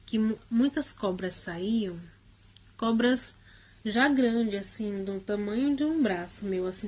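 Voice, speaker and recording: A woman casually recounts a spiritual experience of her own in the first person, speaking hesitantly with frequent tag questions and restarts. Her voice is medium-pitched and a little mellow.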